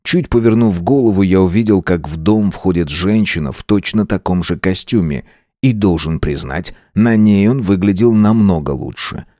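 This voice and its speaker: A man reads a first-person fantasy audiobook in a steady, even way. His voice is low, and the recording is dry and close with no room sound. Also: normal speed, dry recording. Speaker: audiobook narrator.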